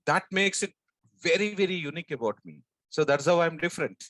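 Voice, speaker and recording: This is a man close to sixty with a strong Telugu-flavoured South Indian accent. His voice sits a little high and is recorded dry. He talks like a sales trainer, in short emphatic phrases, often putting questions to his listeners. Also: expressive, brisk, fairly bright tone, dry recording. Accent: strong South Indian Andhra Telugu. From South India, Andhra. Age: 59, about sixty. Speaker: sales trainer and business coach. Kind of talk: motivational training talk to an audience.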